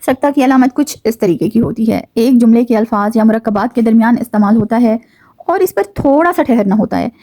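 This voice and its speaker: A woman teaching a grammar lesson, explaining patiently with occasional fillers and slowing down to stress key words. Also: a little high, mellow, no echo. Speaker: Urdu teacher.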